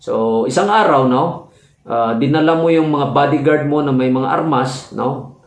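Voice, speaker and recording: A man teaching in a loose classroom manner, his sentences broken by fillers and quick checks with the listener. His voice sits at a middle pitch, and the room around him rings with noticeable echo. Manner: explains slowly with frequent "no?" checks and hesitations. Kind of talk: classroom-style legal lecture. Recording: echoey room.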